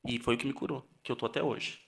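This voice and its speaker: A young man with a Brazilian Portuguese accent speaks earnestly about his own story, often stopping and starting over mid-phrase. His voice is bright and forward, sitting at an ordinary middle pitch for a man, recorded close on a podcast mic. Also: steady tone, gravelly. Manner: earnest, halting with repeated restarts. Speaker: seminarian guest. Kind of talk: emotional personal testimony.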